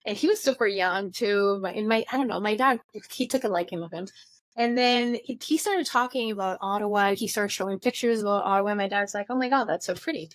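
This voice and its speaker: A middle-aged woman from Mexico, telling her story as a guest in a casual interview, animated and playing out the voices she quotes. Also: medium pitch, fairly quick, no echo.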